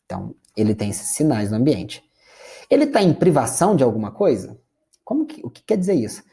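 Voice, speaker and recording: Man, Brazilian Portuguese accent, lecturer, dark husky voice, conversational. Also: mid-range voice, huge pitch swings, a little fast. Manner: conversational, addresses audience as "gente". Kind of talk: classroom lecture.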